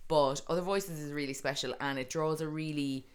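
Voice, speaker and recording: Low-voiced woman, west of Ireland Kerry accent. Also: brisk, clear, resonant tone. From Tralee, County Kerry, Ireland. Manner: animated storytelling, self-deprecating, colloquial. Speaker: radio presenter and DJ, podcast guest. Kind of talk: casual chatty interview.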